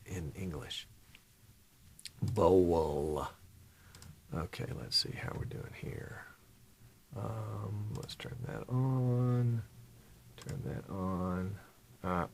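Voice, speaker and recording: Middle-aged male stream host with a low, gravelly voice, rambling and talking to himself in a small studio. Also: a little hiss or hum. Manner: rambling, mutters to himself while working the software. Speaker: live-stream show host. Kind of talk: casual live-stream chat.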